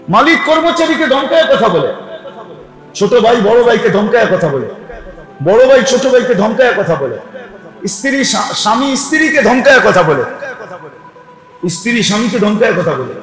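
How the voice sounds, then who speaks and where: A man gives a sermon to a gathering in a large hall, swinging between soft passages and raised ones. His voice sits high, and he keeps tossing quick questions out to his listeners. The room rings with echo, and faint music plays behind him. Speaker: preacher.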